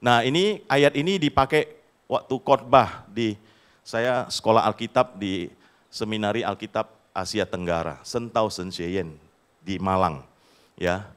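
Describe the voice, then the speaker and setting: Animated middle-aged Indonesian pastor. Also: male voice, lowish voice. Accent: Indonesian, Medan. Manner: storytelling, animated, acts out quotes with a raised voice. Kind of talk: seminar talk to married couples.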